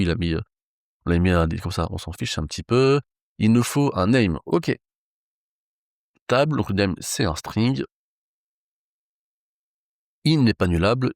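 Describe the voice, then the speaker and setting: A man's voice: low voice, vocal fry, a little mellow, no room sound, clean studio sound. A man teaching a live coding lesson, thinking aloud in a casual way with frequent fillers. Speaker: programming instructor.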